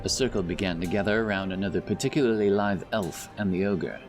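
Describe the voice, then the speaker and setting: Telling a scripted fantasy story for an audiobook, this man speaks fast in a low voice while loud music and outdoor sound effects fill the background.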